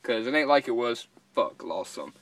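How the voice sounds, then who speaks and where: A man's voice: mid-range voice, animated, normal speed, gravelly, a bit bright. A young man chatting casually to camera as a vlogger. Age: young adult. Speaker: vlogger and dip reviewer. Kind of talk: casual chat. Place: inside a parked pickup truck cab.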